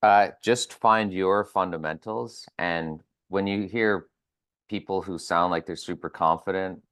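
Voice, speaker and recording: A man's voice: sits low, steady tone, measured pace, a bit bright. A man, a physiotherapist and educator, guesting on a casual podcast, talking bluntly, swearing and often starting over.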